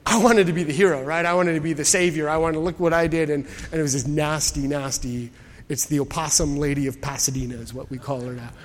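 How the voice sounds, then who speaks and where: A male preacher with a fairly high voice tells a story to his congregation. His delivery is animated, and he stumbles over repeated words. The sound carries a long hall reverb. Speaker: pastor. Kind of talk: sermon with personal story.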